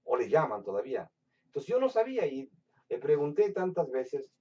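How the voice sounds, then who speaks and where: Man from Latin America, preacher, emphatic sermon, warm dark tone, distant dull lo-fi recording. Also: on the high side, sing-song, moderate pace. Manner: emphatic preaching, swinging between loud bursts and hushed storytelling. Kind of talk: evangelistic sermon with personal testimony.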